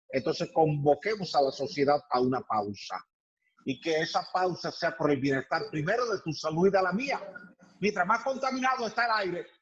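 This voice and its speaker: A man with a high voice explains his points emphatically, stacking repeated phrases for weight. The sound is dull and lo-fi, as if he is on a remote line to the studio. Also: fairly bright tone. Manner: emphatic, builds points by repetition. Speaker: environmental expert guest. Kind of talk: explanatory radio interview.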